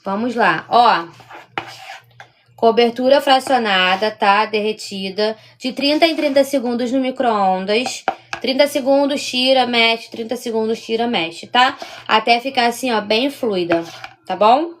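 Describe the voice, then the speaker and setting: A woman's voice: on the high side, a little slow, slight background noise. Chatty Carioca woman teaching baking. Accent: Carioca Portuguese. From Rio de Janeiro, Brazil. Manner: chatty, keeps checking in with viewers. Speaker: baking instructor. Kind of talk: live-streamed cooking demonstration.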